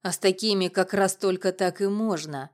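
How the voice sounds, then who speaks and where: A woman reading an audiobook, voicing a huge, burly older male neighbor with a husky, gruff, growling voice. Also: mid-range voice, normal speed, close to an everyday voice. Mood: threatening.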